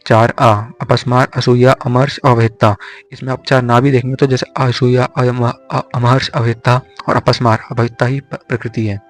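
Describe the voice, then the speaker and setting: A young man teaches exam mnemonics, drilling syllables slowly and over again. His voice stays flat and even, at a middle pitch. Faint music sits behind him. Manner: slow repetitive drilling of syllables. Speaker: exam tutor. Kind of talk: explaining Hindi poetics mnemonics.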